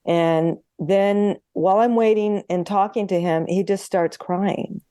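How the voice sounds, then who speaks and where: Earnest, chatty woman homeopath, mellow tone. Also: medium pitch, fairly even intonation, measured pace, smooth, no echo, studio quality. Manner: chatty, earnest, re-enacts dialogue. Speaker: homeopath guest. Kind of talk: conversational interview.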